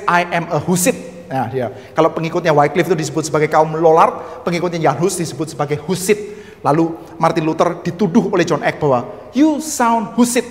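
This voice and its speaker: A man's voice: a little high, big-room sound. A man with a Javanese-tinged Indonesian accent giving a church history lecture, chatty and full of humorous asides, constantly addressing his listeners.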